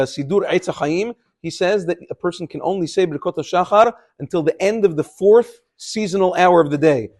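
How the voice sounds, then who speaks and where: Higher-pitched man teaching religious law. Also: darkish tone. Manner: instructive, peppers English with Hebrew religious terms. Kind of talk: religious lecture, explanatory, partly unscripted.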